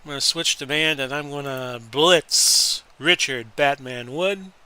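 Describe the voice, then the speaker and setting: Male streamer doing play-by-play calls: a very bright, forceful, slightly high voice that jumps into excited bursts. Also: unhurried, clear, resonant tone. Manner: announcer-style calls that rise into excited outbursts. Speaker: streamer and host. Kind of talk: play-by-play commentary over a sports simulation game.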